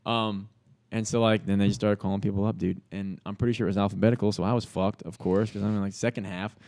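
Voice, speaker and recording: A man's voice: on the low side, fast. A young man, a podcast guest, telling a story in casual, slangy talk full of fillers and swearing. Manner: slangy and animated, heavy filler words and swearing.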